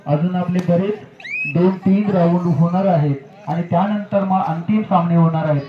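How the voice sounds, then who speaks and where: A man making formal announcements at a kabaddi tournament, heard through an outdoor loudspeaker. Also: high-pitched, steady tone, noisy background. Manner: formal, drawn-out calling of team names. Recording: echoey muffled loudspeaker with loud crowd.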